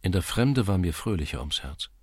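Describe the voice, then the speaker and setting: A man voicing a shy, tender seventeen-year-old village girl in an audiobook, speaking softly and with longing. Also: deep voice, sing-song, brisk, slightly rough, no echo, studio quality, full character voice. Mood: wistful. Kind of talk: audiobook character reading.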